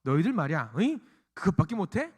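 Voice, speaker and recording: Pastor doing a gruff scolding master, high and pushy, long hall reverb. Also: male voice, big pitch swings, fast talker, darkish tone, exaggerated voice. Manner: gruff, mocking rebuke. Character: stern scolding male teacher, imagined.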